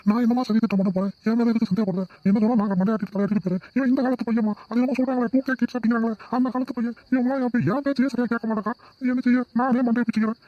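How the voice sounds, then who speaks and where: A man's voice: very high-pitched, fairly even intonation, rapid-fire, long pauses, dull audio, slight background noise. Man playing a henpecked cartoon dad. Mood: placating. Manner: placating and mild. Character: meek middle-aged father, henpecked.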